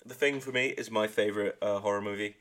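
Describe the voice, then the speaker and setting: A man's voice: lowish voice, fairly even intonation, quick pace, a bit bright. A man co-hosting a casual podcast chat, sweary and rambling, with laughing asides. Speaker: podcast co-host.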